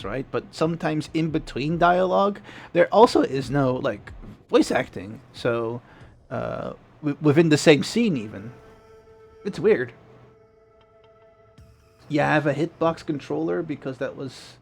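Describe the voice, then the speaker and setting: Young man, streamer, casual rambling chat, faint background noise. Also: medium pitch. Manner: chatty, rambling, answers chat questions.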